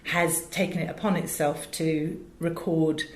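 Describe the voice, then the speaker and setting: Speaking at a measured pace in a low voice with fairly even intonation, the British interviewee shares stories from her career directing audio and teaching at drama school, clearly and forcefully. The echo of a roomy indoor space surrounds her.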